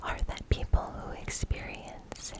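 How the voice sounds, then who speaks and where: A woman giving an ASMR science explainer in a breathy whisper, often repeating single words softly for tingly effect. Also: a little slow. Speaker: ASMR host explaining research.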